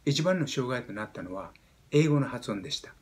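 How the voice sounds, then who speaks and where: A Japanese man in his seventies teaching pronunciation, explaining step by step and demonstrating sounds with animated emphasis. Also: medium pitch, fairly quick. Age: 70s. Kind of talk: explaining lesson.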